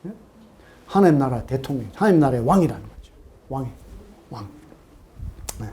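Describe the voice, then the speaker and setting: A middle-aged man preaching a sermon in a church, animated, asking his congregation questions and acting out quoted voices. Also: mid-range voice, normal speed. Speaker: pastor. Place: church sanctuary.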